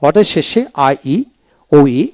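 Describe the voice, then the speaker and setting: A man's voice: a little high, slow pace. A man giving a video lecture that walks through a pronunciation book, repeating example words to model how they sound. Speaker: teacher.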